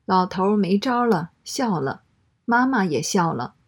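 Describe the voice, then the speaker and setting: A woman reading a first-person story aloud in a steady, matter-of-fact way. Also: mid-range voice, unhurried, slightly rough.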